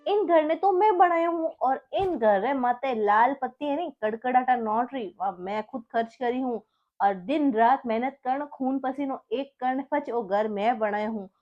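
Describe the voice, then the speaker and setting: Comic skit: a woman doing a rude, bossy Marwari husband, high voice, sneering questions. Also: normal speed, dull audio, natural voice. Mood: domineering. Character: angry young husband, harsh, domineering.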